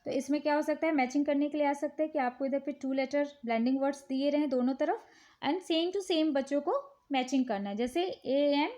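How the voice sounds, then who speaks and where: A woman with an Indian accent, calmly explaining children's worksheets one step at a time. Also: sits high. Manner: slow, patient, repeats "ठीक है" often. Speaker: teacher showing worksheets. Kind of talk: casual instructional talk.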